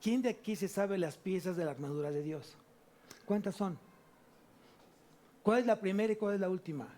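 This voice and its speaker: A man preaches a sermon in a high-pitched voice. He keeps asking questions and answering them himself, with lively stops and restarts. He speaks into a microphone in a church. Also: normal speed. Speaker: pastor.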